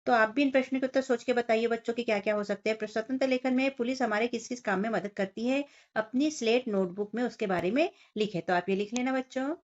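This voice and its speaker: Her voice sits on the high side and she talks fast, explaining a Hindi workbook lesson to young children picture by picture and question by question. The teacher speaks to them directly, and the recording sounds dull and lo-fi.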